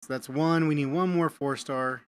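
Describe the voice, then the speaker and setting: Chatty man streaming a game, slightly high voice. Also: steady tone, moderate pace, clean tone. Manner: rambling, repeats words, chats with viewers. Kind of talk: casual live-stream chat while gaming.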